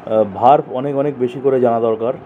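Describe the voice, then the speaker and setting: A man's voice: medium pitch, steady tone, brisk. A male tutor giving an online coaching lesson, drilling verbs by asking and answering and spelling words out letter by letter. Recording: tinny phone-like sound, faint noise.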